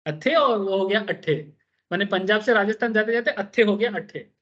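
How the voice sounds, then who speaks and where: A man's voice: high voice, moderate pace, fairly bright tone. Chatty male teacher, muffled. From Bengal, India. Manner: chatty, digressive, often checks in with students. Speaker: tax teacher. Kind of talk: casual classroom lecture.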